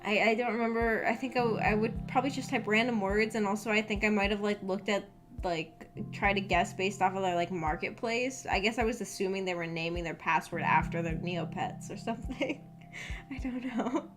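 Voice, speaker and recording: With background music playing under her voice, a woman streamer tells viewers personal stories in a casual livestream chat, rambling, giggling, hesitating and poking fun at herself. She speaks at medium pitch and a moderate pace.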